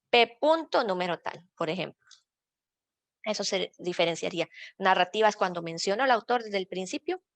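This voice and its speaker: A Costa Rican woman with a gravelly, mid-range voice works as a librarian, patiently walking an online workshop through citation rules one step at a time. The recording has no echo.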